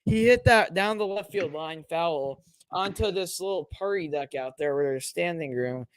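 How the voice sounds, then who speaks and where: A young man with a high, bright-sounding voice chats and calls a ball game for a podcast, rambling and excited. He is recorded close and dry, with no room sound. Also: normal speed, no echo. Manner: rambling, excitable, lots of fillers and laughs. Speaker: podcast co-host and Cubs fan. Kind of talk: casual play-by-play chat during a watch party.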